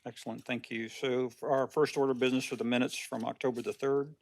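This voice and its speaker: A man chairing a public committee meeting, briskly leading the prayer, roll call and votes. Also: medium pitch, level tone, gravelly, darkish tone.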